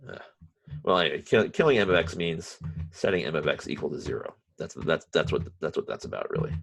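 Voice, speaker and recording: A man teaching a university math class remotely, halting often with restarts and fillers, and dropping wry, self-mocking asides. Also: a bass voice, expressive, gravelly, fairly bright tone, slightly rough, no echo. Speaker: math professor.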